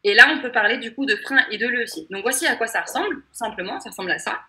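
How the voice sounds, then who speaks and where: A woman, a trainer explaining workshop tools in a lively, chatty way with joking asides. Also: fairly high pitch, fast talker. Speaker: trainer teaching other trainers. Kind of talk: online masterclass explanation.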